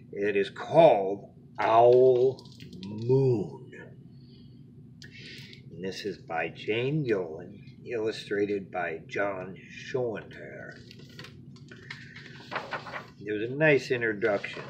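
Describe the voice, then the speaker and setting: A man with a fairly low voice reads a children's picture book aloud as a bedtime story. His delivery is expressive, with dramatic pauses and phrases that sink to a hush. The audio is dull and carries slight background noise.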